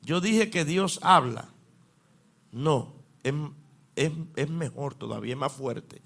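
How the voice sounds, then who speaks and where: A man's voice: medium pitch, lively intonation, slow, gravelly, a bit bright. A man preaching a sermon to a congregation, asking them questions and pushing his voice up for emphasis. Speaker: pastor.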